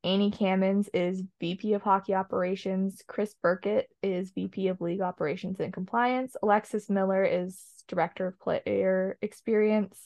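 A woman's voice: mid-range voice, steady tone, moderate pace, few pauses, a little mellow, dry recording. A woman chatting casually on a podcast, opinionated and rambling with lots of ums. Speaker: podcast co-host. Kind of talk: casual chat.

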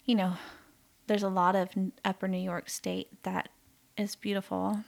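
A woman's voice: mid-range voice, flat delivery, moderate pace, creaky. A woman co-hosting a podcast in casual, rambling chat, laughing often. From Ontario, Canada. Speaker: podcast co-host.

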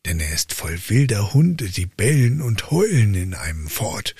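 A man voicing a grave castle lord who warns a traveller in a low, hushed voice. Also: big pitch swings, measured pace, husky, dry recording, studio quality, faint music behind, exaggerated voice. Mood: ominous. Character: grave middle-aged castle lord, warning.

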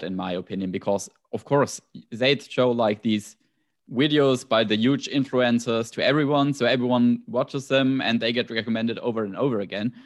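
A man with a German accent in a relaxed podcast conversation, thinking aloud with frequent restarts and asides. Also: mid-range voice.

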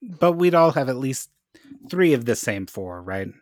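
A man's voice: mid-range voice, sing-song, a little slow, no echo. A man hosting a casual podcast chat, playful and jokey as he steers the topics. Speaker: podcast host.

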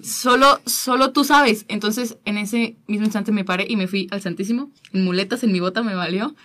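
Woman guest, heartfelt testimony, hesitant repeats, mid pitch. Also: fairly bright tone. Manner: earnest, halting, repeats words. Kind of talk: personal faith testimony.

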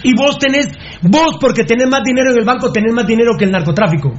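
A man's voice: very high-pitched, fast, a crowd in the background. A Guatemalan man on a sports radio panel, provocative and teasing, repeating himself to hold the floor. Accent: Guatemalan Spanish. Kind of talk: heated radio debate. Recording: dull radio broadcast sound, faint noise.

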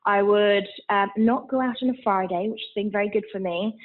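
A woman's voice: medium pitch, a little fast. A woman in her thirties from Switzerland with a mixed international English accent, chatting candidly as an interview guest, with many fillers. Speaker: guest, founder of a business. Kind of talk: casual interview. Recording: tinny phone-like line.

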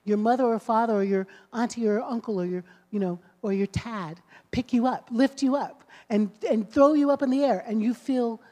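A woman pastor hosts a conversation during a service, rambling with preacherly emphasis. Her mellow voice is on the high side, moving at a moderate pace with hardly any pauses, and a long hall reverb fills the recording.

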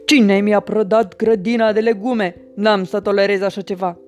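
A woman voicing a hungry male wolf who grows vegetables, speaking in drawn-out exclamations. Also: mid-range voice, little pitch movement, a little mellow, faint music behind, natural voice. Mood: angry. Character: hungry gardening wolf, male, gruff then kind.

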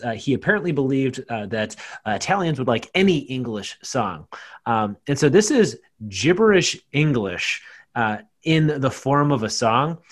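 A man hosting a casual panel discussion, often filling pauses with "uh" and "um". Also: medium pitch. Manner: fills pauses with "uh" and "um". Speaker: podcast host.

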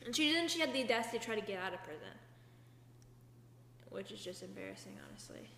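A young woman co-hosts a casual podcast, chatting in a rambling way and filling her sentences with "like". Her voice sits at an ordinary pitch. It rings out in a reverberant room with a long echo and a faint hum. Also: animated, fast, creaky, a bit bright. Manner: chatty, many fillers, rambling retellings. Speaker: podcast co-host. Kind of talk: casual chat.

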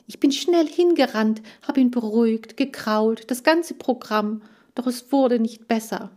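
A woman's voice: on the high side, a little slow, a little mellow, voice pushed up, lightly acted. A woman reading a children's audiobook, voicing an agitated, tearful girl who cares for farm animals. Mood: distressed. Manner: agitated, pleading, raised voice.

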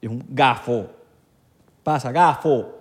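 A man from Venezuela with a Venezuelan Spanish accent, joking in slangy, animated casual chat. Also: medium pitch, slow, slightly rough.

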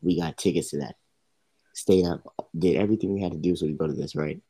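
Young man, low voice, mellow tone, laid-back storytelling, dry close sound. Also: fast, breathy edge, dry recording. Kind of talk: casual chat.

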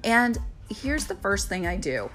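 A woman's voice: medium pitch, very animated, a little slow, a bit bright. Brief: friendly woman podcaster, coaching tone, conversational, light music bed. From Florida. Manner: chatty, encouraging, asks "right?" often. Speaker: podcast host; real estate agent and video coach. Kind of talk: casual solo podcast talk.

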